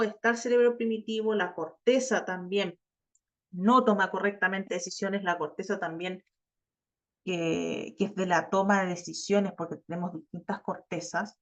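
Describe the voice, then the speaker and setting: This course instructor, a woman with a Chilean accent, teaches an online class in a chatty way, speaking straight to her students and acting out the teens she quotes. Her voice is medium in pitch and moderately paced. The audio is lo-fi and muffled, typical of a video call.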